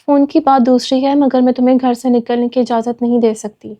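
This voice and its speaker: Woman reading a strict middle-aged mother, measured, mellow voice. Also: a little high, fairly even intonation, close to an everyday voice. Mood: stern. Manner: measured, stern.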